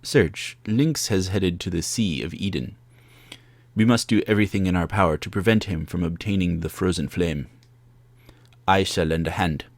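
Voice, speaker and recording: A man's voice: deep voice, normal speed, no room sound. A man voicing a dignified, resolute military noble from a video game, speaking in formal declarations. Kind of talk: video game dialogue read-aloud.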